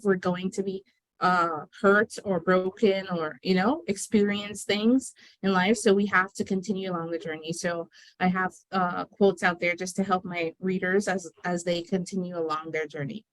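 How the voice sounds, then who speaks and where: A woman's voice: mid-range voice, poor audio. A woman in her thirties from the Bahamas, a guest author talking earnestly and reflectively with many fillers. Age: 30s. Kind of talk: conversational interview.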